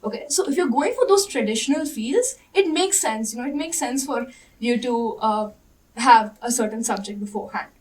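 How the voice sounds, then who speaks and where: Young woman panelist, fairly high voice, decisive, slightly off-mic. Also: lively intonation, normal speed, far from the mic, low-quality recording. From India. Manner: breezy, decisive. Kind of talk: student panel discussion. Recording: voice a bit off-mic.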